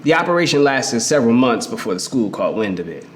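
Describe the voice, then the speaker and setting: An actor playing a reflective man in a theatrical first-person memoir monologue, telling it conversationally with emphasis and pauses. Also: medium pitch, very animated, a little hiss or hum, lightly acted. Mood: fond, earnest. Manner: conversational, emphatic storytelling with pauses and repeated words. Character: reflective queer man fondly recalling his hustling grandmother. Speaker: actor in a dramatic reading of a memoir. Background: music.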